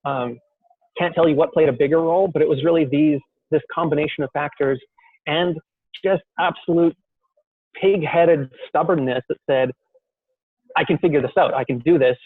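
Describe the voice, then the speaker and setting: A man's voice: on the high side, moderate pace, slightly rough, no room sound. Man's voice, tinny phone-line audio. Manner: self-deprecating, rambling with many fillers and restarts. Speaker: guest entrepreneur. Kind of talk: casual interview storytelling.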